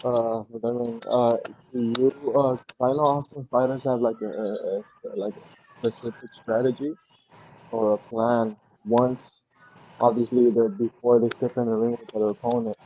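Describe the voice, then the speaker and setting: A man co-hosting an interview, asking questions in a hesitant, halting way full of fillers and restarts; his voice comes through muffled, as if through a wall. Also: mid-range voice, flat delivery, dark tone. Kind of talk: casual remote interview. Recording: dull lo-fi call audio with faint noise.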